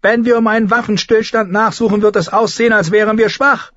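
A man voicing a blunt, stern noblewoman who speaks forcefully. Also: high voice, little pitch movement, brisk, no echo, highs cut off, voice pushed up.

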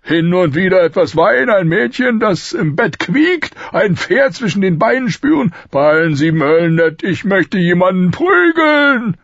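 A male audiobook narrator voicing a loud, quick-tempered, boisterous king who curses and blusters. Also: sing-song, dry recording, highs cut off, heavily acted. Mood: indignant. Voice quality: loud and booming. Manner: blustering, cursing, swings between roaring laughter and rage. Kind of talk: audiobook reading.

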